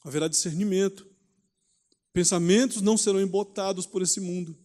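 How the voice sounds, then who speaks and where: A pastor teaching a Bible study in a conversational preaching manner, often asking rhetorical questions. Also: male voice, sits high, steady tone, fairly quick, darkish tone, in a large hall. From Brazil. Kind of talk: sermon teaching.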